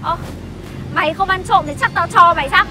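High-voiced scolding mother. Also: a little fast, some chatter behind. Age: young adult. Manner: scolding, sharp and insulting. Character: harsh young mother who berates an orphan boy. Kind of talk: scripted web sitcom acting. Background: background music.

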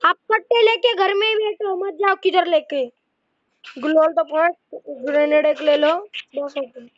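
A woman streaming a mobile shooter game and chatting with teammates. She is excitable and keeps repeating her hellos. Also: extremely high pitch, normal speed, lo-fi sound. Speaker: gaming streamer. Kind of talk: live game commentary with teammates.

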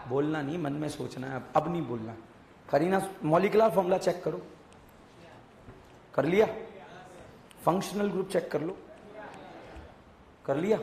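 A man teaching chemistry to a class, loudly firing quick questions at the students and scolding them with teasing remarks. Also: on the high side. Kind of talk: classroom lecture. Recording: echoey room with crowd noise.

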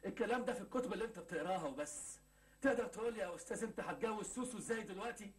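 A sulky young Egyptian man in a TV sitcom, broke, lovesick and full of self-pity. He grumbles in a fairly high voice, and the words come tumbling out very fast. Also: lively intonation. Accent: Egyptian Arabic. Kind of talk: 1980s Egyptian TV sitcom acting.

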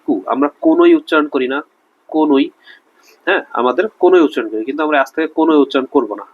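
Young male Bangladeshi chemistry tutor, brisk, casual, lo-fi voice-over. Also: on the high side. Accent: Bangladeshi Bengali. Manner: chatty, repeats "okay?" and quizzes the student. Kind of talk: casual online lesson with memory tricks.

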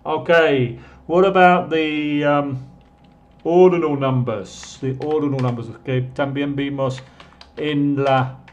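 A man's voice: fairly high pitch, steady tone, slow, a little hiss or hum. A man teaching an English lesson live online, reading chat questions and stretching out number words to show their pronunciation.

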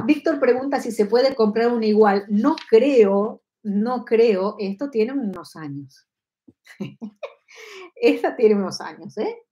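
Here the woman's voice sits on the high side, animated yet slow, with a mellow quality and dull-sounding audio. She is a Kabbalah teacher in her fifties with an Argentine Spanish accent, teaching live online from her home study on a lapel mic. She explains each idea and regularly checks that listeners follow and agree.

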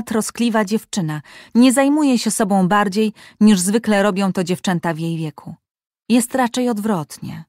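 A woman voicing a calm, wise older woman who speaks soothingly in an audiobook. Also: medium pitch, dry recording, studio quality, close to an everyday voice.

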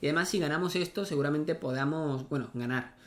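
A man's voice: on the high side, fast, a little hiss or hum. A young man, chatting casually as he plays a tennis video game, thinking aloud and swearing at misses. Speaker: gaming streamer. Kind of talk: casual gameplay commentary.

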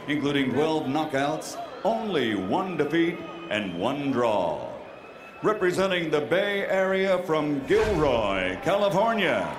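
Theatrical male ring announcer, swooping pitch. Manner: theatrical announcer delivery, rising to long drawn-out shouted names. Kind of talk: boxing ring introductions. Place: large indoor boxing arena. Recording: echoing arena PA with crowd noise.

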